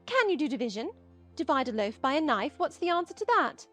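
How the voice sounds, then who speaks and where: A woman's voice: high-pitched, sing-song, a little fast, a bit bright. A woman playing a foolish, good-tempered, fluttery queen, earnest and childishly proud, in an audiobook drama. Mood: quizzing. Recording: music behind the voice.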